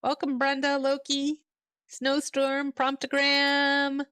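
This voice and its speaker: A woman's voice: high-pitched, monotone, takes it slowly, sharp tone, dry recording, clean studio sound. A woman hosting a livestream in a chatty way, laughing often, heard through a headset mic. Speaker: livestream host. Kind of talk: casual livestream chat.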